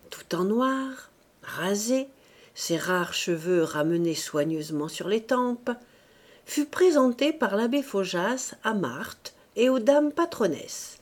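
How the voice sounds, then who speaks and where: Female narrator for a classic novel: slow, measured, with lively expressive intonation. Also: mid-range voice. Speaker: audiobook reader.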